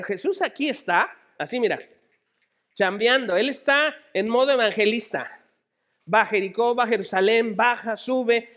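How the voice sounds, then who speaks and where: Very high-voiced Mexican pastor preaching. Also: male voice. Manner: dramatic, swings between shouting and hushed tones. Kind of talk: sermon.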